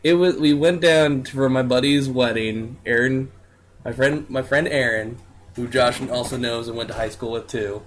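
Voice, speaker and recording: A man's voice: medium pitch, normal speed, slight background noise. A man co-hosting a podcast, telling a ranting story in casual chat with some swearing. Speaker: podcast co-host.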